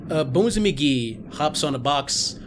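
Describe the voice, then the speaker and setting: A man's voice: fairly high pitch, animated, measured pace, soft background music. A man playing a tabletop game, casually narrating what his character does.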